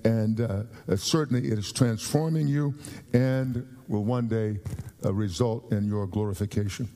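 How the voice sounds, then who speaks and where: An American man with a lowish, warm voice preaches a sermon earnestly, repeating and restarting phrases and slowing down for emphasis. A long hall reverb makes it sound like a big church.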